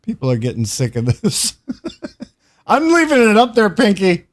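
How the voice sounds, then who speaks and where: An older man hosting a gaming livestream, joking with his viewers and dissolving into laughter between lines. His pitch jumps around a lot as he talks, yet he speaks at an unhurried, slow pace. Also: wildly swooping pitch. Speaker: gaming streamer. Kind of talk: casual livestream chat with viewers.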